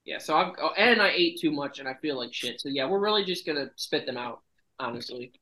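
A man's voice: fairly high pitch, expressive, a little fast, sharp tone, rough recording. A man hosting a casual podcast chat, brash and joking, swearing often, while feeling sick and nauseous. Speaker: podcast host.

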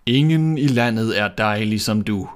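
A solemn magic mirror, voiced by a man reading a storybook. It answers in slow, measured words, each one carefully weighed. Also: lowish voice, close to an everyday voice.

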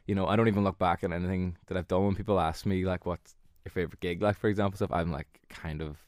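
Man, Donegal Irish accent, low pitch, hesitant and modest, casual interview chat, dry close sound. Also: steady tone, quick pace, darkish tone, no echo. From Donegal, Ireland. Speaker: musician being interviewed.

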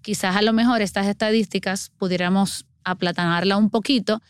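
A woman's voice: mid-range voice, steady tone, a little fast, clear, resonant tone, no room sound, studio quality. A middle-aged woman, earnestly explaining child water safety as a guest on a podcast. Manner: earnest, explanatory, acts out everyday scenes.

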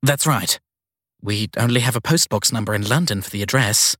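A flustered young woman at a guesthouse desk, voiced by a male narrator, stammering and eager to please. Her voice sits high above his own, husky and dry, with quick nervous bursts. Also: a bit bright, dry recording. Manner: hesitant, stammering and apologetic. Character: flustered young woman receptionist, anxious and apologetic.

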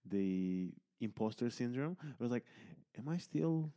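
A man's voice: mid-range voice, lively intonation, unhurried, dark tone. A man hosting a podcast, talking candidly in rambling sentences full of fillers and restarts. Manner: candid, swears casually. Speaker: podcast host. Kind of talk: casual conversation.

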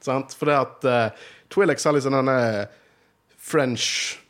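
A man's voice: medium pitch, a bit bright. A man with a Bergen accent, hosting a podcast in casual chat, talkative and laughing often. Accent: Bergen Norwegian. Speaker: podcast host.

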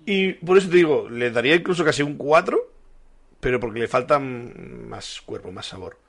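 Casual podcast co-host: man, joking storyteller, mid-pitched, free with swear words. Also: expressive, normal speed, gravelly. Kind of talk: casual beer-tasting chat.

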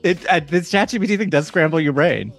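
A man's voice: fairly high pitch, brisk, vocal fry, soft background music. Playful man co-hosting a podcast. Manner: playful, reads out quiz questions with laughs. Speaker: podcast co-host. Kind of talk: casual chat.

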